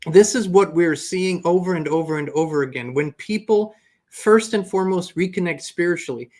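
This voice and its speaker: A man hosting an earnest, reflective spiritual motivational talk. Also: fairly high pitch. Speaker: host.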